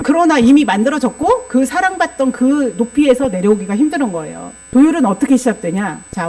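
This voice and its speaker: Higher-voiced woman preaching a sermon. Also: darkish tone, slight background noise. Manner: explanatory, frequent rhetorical questions to the congregation. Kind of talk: sermon mixing psychology teaching.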